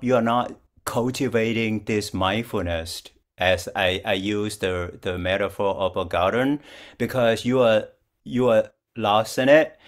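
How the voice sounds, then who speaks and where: Speaking from a plain-walled room in his home, an elderly Buddhist monk from Vietnam answers questions in a dharma talk held by video call. His voice sits in the middle range, and his delivery is calm, slow, patient, and often restarted.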